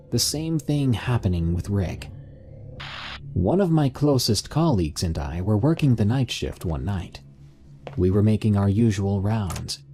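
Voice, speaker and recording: A man narrating a horror story in a measured storytelling style. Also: lowish voice, dark tone.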